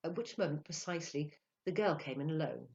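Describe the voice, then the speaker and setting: A woman narrating a literary short story aloud in an expressive, dramatic way, hushing for quiet moments. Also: sits low, a little fast, gravelly, lo-fi sound. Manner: expressive, dramatic, hushes for awe. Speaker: audiobook narrator.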